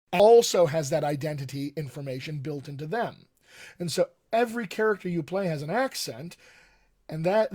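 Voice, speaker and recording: A dialect coach in his thirties, raised in Colorado, gives an enthusiastic live-streamed coaching talk from a bookshelf-lined home study, repeating his key points. His voice is a little high and darkish, with a mostly General American accent carrying light West Texas and upstate New York features.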